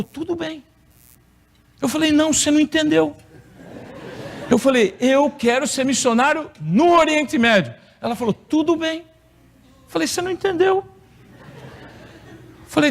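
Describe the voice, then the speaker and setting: A middle-aged Brazilian man preaching in a church, telling a personal story with playful humor. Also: extremely high pitch. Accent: Brazilian Portuguese. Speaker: pastor. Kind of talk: sermon testimony. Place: church hall.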